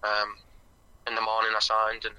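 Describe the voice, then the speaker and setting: A young man's voice comes through a phone on speaker, very bright and thin in tone. His pitch hardly moves as he talks. He answers in a halting, modest way, filling the gaps with "um" and "like". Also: completely flat delivery, low-quality recording. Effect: heard over a phone on speaker. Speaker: footballer guest calling in. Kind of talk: casual phone-in interview.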